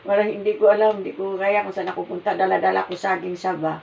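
An older woman with a Filipino accent, telling a personal story in a rambling, halting way, often searching for words. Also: medium pitch, flat delivery, creaky, a little mellow. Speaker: mother telling her story. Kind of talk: casual storytelling. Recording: muffled, distant, with background noise.

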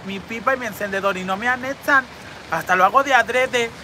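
A woman with a Mexican Spanish accent chats crudely with her live viewers, her voice high and sharp. She tells bawdy stories in a campy, brassy way into a phone out on a city street. Faint urban traffic hums in the background. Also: brisk. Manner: brassy, campy, foul-mouthed storytelling. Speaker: livestream host reading viewer comments. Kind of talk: crude live-stream chat.

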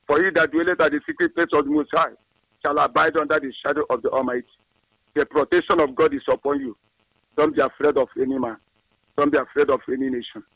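Man, somewhat high pitch, preacherly exhortation and announcement, dry close sound. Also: fairly even intonation, quick pace, a bit bright, dry recording, low-quality recording. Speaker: community leader making an announcement. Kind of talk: prayer and radio announcement.

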